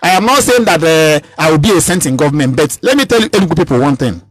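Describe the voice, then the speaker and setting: A man's voice: a little high, lively intonation, quick pace, husky, no room sound, poor audio. A man in his thirties with a Nigerian accent, speaking as a political candidate in a radio interview, emphatic and given to repeating and restarting his phrases. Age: 30s.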